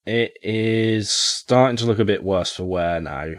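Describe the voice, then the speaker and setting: A man's voice: lowish voice, a little slow, dry recording, studio quality. A man running a tabletop game as game master, easygoing and thinking aloud.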